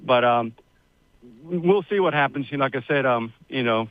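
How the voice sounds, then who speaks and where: Speaking at a moderate pace in a mid-range voice, this sixty-something Cuban-born man tells his family story as a radio guest, chatty and meandering with lots of fillers. The recording is dry and sounds like it came through a phone.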